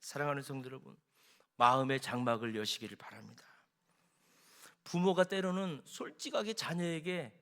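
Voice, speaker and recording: Brief: male pastor on a church mic, high voice, very animated delivery, emphatic sermon. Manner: emphatic preaching, swinging from loud declarations to quiet confiding. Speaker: senior pastor. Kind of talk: Sunday sermon. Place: church sanctuary.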